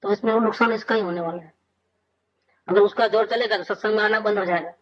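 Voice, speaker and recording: A fast-talking man with a high, steady voice gives a casual discourse on scripture as a spiritual teacher. He keeps it conversational, posing rhetorical questions and supplying the answers. Sound quality is muffled and lo-fi.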